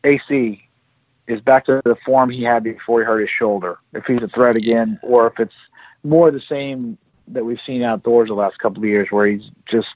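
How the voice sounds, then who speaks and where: A man's voice: medium pitch, fairly even intonation, normal speed, no room sound. A man co-hosting a casual radio chat, earnest and thoughtful. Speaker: co-host. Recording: dry tinny phone line.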